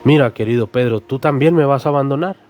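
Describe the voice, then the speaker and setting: A man preacher voicing a calm, patient male teacher who warns his follower gently but firmly. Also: mid-range voice, faint music behind, lightly acted. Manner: gentle but firm, measured warnings. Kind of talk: sermon storytelling with acted voices.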